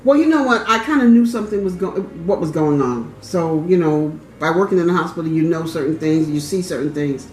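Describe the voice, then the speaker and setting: A woman's voice: deep voice, lively intonation, a little fast, hardly any pauses, darkish tone, a little hiss or hum. Middle-aged woman telling family stories. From New York and New Jersey. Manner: conversational, meandering storytelling. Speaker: interviewee. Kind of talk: personal recollection. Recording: echoey room with guitar underneath. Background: guitar music.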